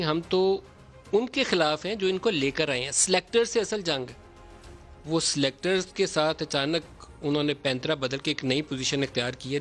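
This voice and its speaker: A man's voice: fairly high pitch, a bit bright. A man hosting a political talk show, delivering emphatic, declamatory commentary from a TV studio.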